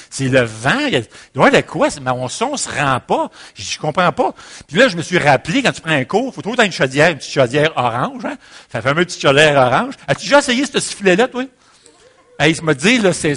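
Casting note: Quebec French man, preacher, animated storyteller, slightly high voice. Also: a little fast. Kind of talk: sermon with a personal story.

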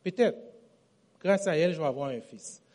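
A man preaching a sermon with a Quebec French accent, telling stories in an animated way and often repeating and correcting himself. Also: a little high, moderate pace. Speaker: pastor.

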